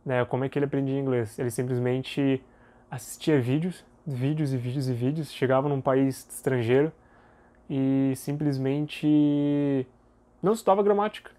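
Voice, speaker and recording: A young man, giving a casual video lesson in a relaxed, chatty way full of fillers and tag questions. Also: medium pitch, moderate pace. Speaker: English teacher.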